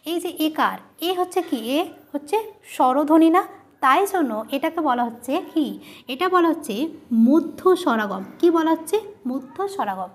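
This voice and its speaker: A woman's voice: sits high, expressive, moderate pace. A woman teacher giving a grammar lesson, who asks questions and answers them herself, repeating each key term.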